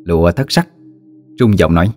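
A man narrates a folk ghost story in a low, measured voice. His delivery is dramatic and steady, like an audiobook storyteller. Soft music plays faintly beneath him.

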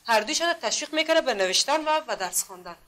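A woman's voice: high voice, animated, a bit bright. A woman from Afghanistan teaching adults to read in a classroom, patiently drilling them with repeated questions. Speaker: literacy teacher.

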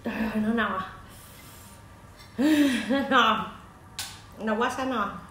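A woman's voice: a little high, slow, a bit bright. A woman, chatting casually in an eating vlog while chewing shrimp. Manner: chatty, talks between bites. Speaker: mukbang vlogger. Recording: echoey room with clear background noise.

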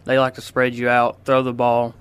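A teenage boy answers a radio interviewer, polite and hesitant, pausing often on ums and uhs. His voice is smooth and clear but stays flat, with little rise or fall. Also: medium pitch. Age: teens. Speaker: high school quarterback guest. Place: radio studio.

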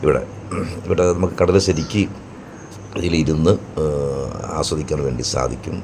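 A Malayali man with a very deep voice and a Kerala accent narrates a casual travel vlog in a halting way. The recording has clear background noise and outdoor ambience.

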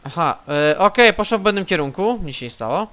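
A man's voice: high-pitched, animated, a little fast, sharp tone, clean tone. A man casually commenting on his gameplay, swearing and taunting the enemies he fights, with faint game music behind. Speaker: let's play gamer.

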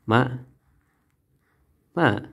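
A man chats casually while filming his family on a handheld phone. He teases and coaxes them in a playful, chuckling way, in a middle-pitched voice. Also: lively intonation, extremely slow, gravelly, a bit bright. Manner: teasing, chuckling, playfully coaxing. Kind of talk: casual home video chat.

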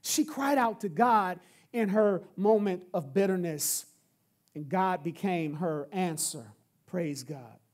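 A pastor delivers a sermon with emphatic, repeated refrains that drive each point home. The voice sits in a middle pitch. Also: takes it slowly, a little mellow. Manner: emphatic, repetitive preaching with refrains.

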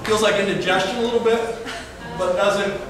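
A man's voice: high-pitched, fairly even intonation, moderate pace. A man in his thirties, a professor talking informally to a class while in pain, his mouth numb and burning from spicy food. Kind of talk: informal demonstration talk to a class. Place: lecture hall, standing at the front. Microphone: distant camera microphone. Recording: echoey, noisy lecture hall from far off.

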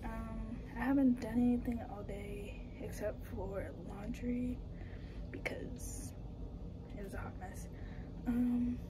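A young woman talks slowly and unhurriedly into a phone held at arm's length, her voice sitting a little high. She keeps it relaxed and matter-of-fact, often slipping into a half-whisper. Clear background noise hangs under the audio. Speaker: cruise ship dancer vlogger. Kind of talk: casual vlog updates. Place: small cabin on a cruise ship. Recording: noisy phone vlog audio.

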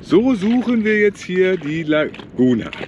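An older man casually narrates a sailing trip on a lagoon into a camera mic, giving running commentary as he films. His sing-song voice swings widely in pitch as he teases his partner, at an unhurried pace. The recording is muffled, with wind and water noise clearly beneath him.

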